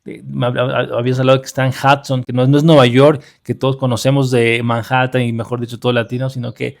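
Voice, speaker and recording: Fast-talking man with a gravelly voice. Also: mid-range voice, level tone. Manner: prompting questions, thinks aloud with restarts. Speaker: podcast co-host. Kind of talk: casual chat.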